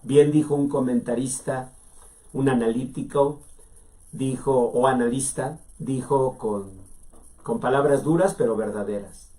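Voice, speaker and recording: A man preaching a sermon, slow and deliberate, dropping to hushed low lines and rising to emphatic ones.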